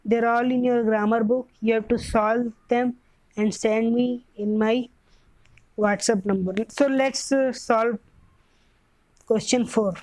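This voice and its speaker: A young woman teacher with an Indian English accent, giving a grammar lesson slowly, often repeating and correcting herself. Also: on the high side, steady tone, darkish tone, dry recording, poor audio.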